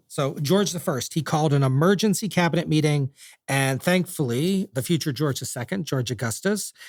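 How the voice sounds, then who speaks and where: A man's voice: mid-range voice, darkish tone, dry recording, studio quality. A man hosting a podcast, telling history in a chatty, jokey, casual way. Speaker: podcast host.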